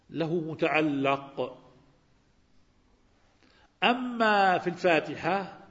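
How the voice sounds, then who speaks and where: A man teaching a Quran lesson, asking his students questions and repeating key words. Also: a little high. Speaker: religious teacher. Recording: reverberant hall, dull lo-fi sound.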